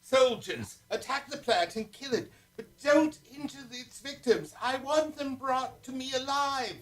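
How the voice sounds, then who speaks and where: Imperious radio-serial prince, played by a man: high voice, theatrical orders, cold menace. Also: measured pace, a bit bright. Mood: commanding. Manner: commanding, theatrical. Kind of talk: old adventure serial radio acting.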